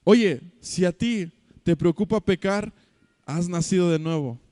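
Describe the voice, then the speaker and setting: High-pitched Mexican pastor preaching. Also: male voice, unhurried, no room sound, clean studio sound. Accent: Mexican Spanish. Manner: animated storytelling with acted quotes, swinging loud to soft. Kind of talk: sermon. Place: church hall.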